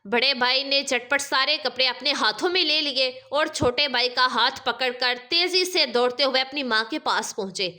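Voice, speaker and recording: A woman's voice: high voice, few pauses, bright, forceful tone. A woman narrating a religious story in an emotive, dramatic way.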